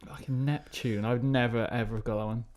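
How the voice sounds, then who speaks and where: A man's voice: mid-range voice, fairly even intonation, darkish tone. A young man co-hosting a podcast, joking and swearing in casual chat. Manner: jokey, quick interjections, swears. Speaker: podcast co-host.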